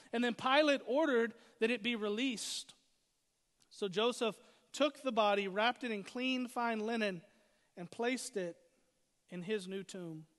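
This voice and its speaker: A man with a fairly high voice delivers a sermon as pastor. He stacks short, punchy phrases to drive his points home. His voice rings out with a long reverb, as in a large hall. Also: fairly bright tone. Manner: preaching with emphatic repetition and rising emphasis.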